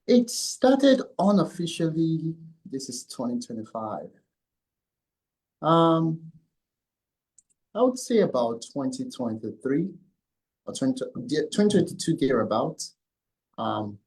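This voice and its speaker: A man, founder of a consulting firm, answering interview questions with many pauses, fillers and restarts. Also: a little high, sing-song, darkish tone, slightly rough, rough recording. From Nigeria. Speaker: company founder and CEO, guest.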